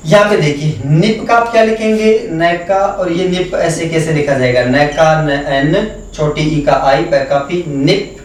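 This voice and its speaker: A man teaching a phonetics lesson at a board, spelling out words letter by letter and repeating them slowly. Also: a little high, a little hiss or hum. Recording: echoey room, voice from far off.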